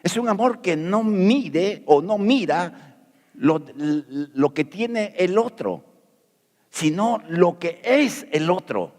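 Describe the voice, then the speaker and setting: A man's voice: sits high, animated, slow pace, darkish tone, in a large hall. A middle-aged man from Peru preaching a sermon as pastor, folksy and jokey, asking rhetorical questions.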